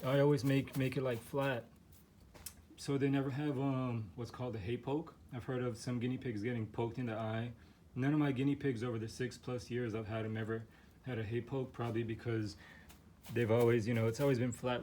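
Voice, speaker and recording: Here a guinea pig owner, voice going hoarse, wanders through a relaxed vlog of his pets' living-room setup, stumbling over fillers and starting sentences again. His mid-range voice has a darkish tone, and there's a little hiss or hum on the audio.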